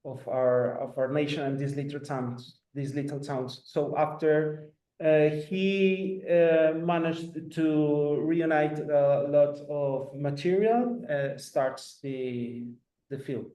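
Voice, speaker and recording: A man answering at a film Q&A, halting and repeating words as he goes. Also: a little high, warm tone, roomy sound, rough recording. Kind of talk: Q&A panel answer.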